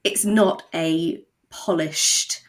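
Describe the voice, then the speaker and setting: Speaking extremely slowly in a low, fairly even voice, a woman appears as a guest to discuss the audio drama she co-created. Her explanations are conversational and laced with dry, wry humour.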